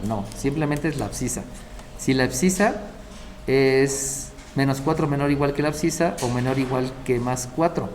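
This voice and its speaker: This math lecture comes from a teacher whose voice is medium in pitch and a little mellow, with some faint noise behind it. His explanations proceed step by step, punctuated by short questions that check on the students.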